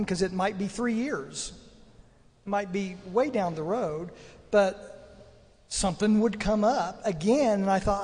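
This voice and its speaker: An older man giving marriage advice in a slow, wry, self-deprecating way. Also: high voice, a little mellow. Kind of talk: casual advice talk. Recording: long hall reverb.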